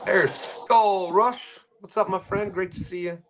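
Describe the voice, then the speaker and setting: A man's voice: high-pitched, steady tone, unhurried, a little hiss or hum. Chuckling male fishing-stream host. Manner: reads viewer comments aloud with frequent chuckles. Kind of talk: casual live-stream chat.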